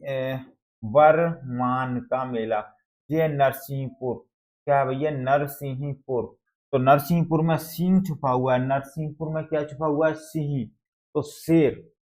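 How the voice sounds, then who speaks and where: A man's voice: medium pitch, a little mellow. A male teacher, explaining exam facts through memory tricks and asking the class questions again and again. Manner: repetitive, call-and-response questioning. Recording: dull lo-fi sound.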